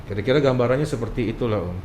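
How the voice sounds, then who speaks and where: A man's voice: medium pitch, expressive, rapid-fire, a little mellow. A man with a Palembang accent explaining things conversationally as a notary guest, often checking back with his listener, slightly muffled through a face mask. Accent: Palembang, South Sumatra. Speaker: guest notary, association chairman. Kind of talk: casual explanatory interview talk. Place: indoor office room. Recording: echoey room with faint noise.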